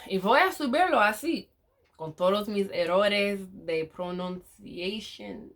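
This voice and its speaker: A woman's voice: medium pitch, slow, fairly bright tone. A woman whose first language is English, vlogging casually in learner Spanish, hesitating, correcting herself and slipping into English.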